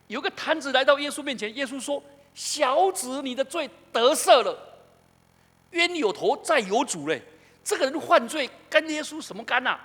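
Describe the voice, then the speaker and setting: A man's voice: very high voice, fairly quick. A middle-aged man with a Taiwanese Mandarin accent, preaching a sermon and asking his congregation questions. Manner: animated, asks the congregation questions. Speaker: pastor. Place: church sanctuary. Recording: echoey church hall.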